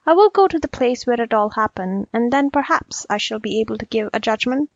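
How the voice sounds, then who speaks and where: A fretful, dithering storybook jackal acted out by a woman, high in pitch and slyly playing the humble fool. The sound is dry and slightly dull. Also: animated, fairly quick, gravelly, no room sound. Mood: puzzled. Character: sly male jackal feigning muddled, dim-witted confusion.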